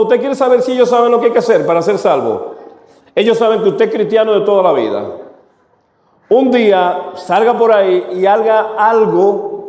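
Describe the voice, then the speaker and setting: A man's voice: high-pitched, dark tone. A man preaching a sermon to his congregation, asking them rhetorical questions. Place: church. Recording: echoey church hall.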